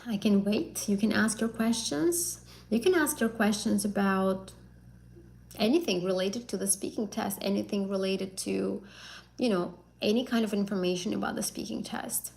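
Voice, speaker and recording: Heard through poor audio, a young English exam tutor from Azerbaijan, whose first language is Azerbaijani, answers live-stream viewers' questions. She's chatty, uses many fillers, and often repeats and rephrases. Her medium-pitched voice is gravelly and darkish, and she speaks at a normal speed.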